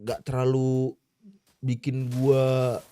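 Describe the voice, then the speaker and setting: A man's voice: medium pitch, monotone, drawn-out words, dark tone, slight background noise. A man in his twenties talking casually while he plays a game, rambling, swearing and breaking off to react to the match. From Indonesia. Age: 20s. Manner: slangy, swears often, breaks off mid-thought to react to the game. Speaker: streamer. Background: game music.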